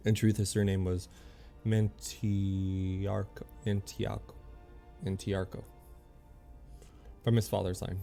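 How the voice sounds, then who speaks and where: A man streaming a game, reading its lore aloud in a halting way, often stumbling and correcting himself. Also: low-pitched, flat delivery, gravelly, mellow, soft background music.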